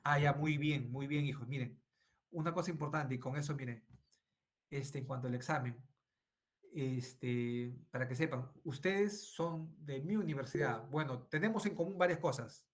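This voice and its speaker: A man's voice: medium pitch, normal speed. A middle-aged man giving an online medical lecture, repeating phrases and asking "right?" often. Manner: frequent tag questions and fillers.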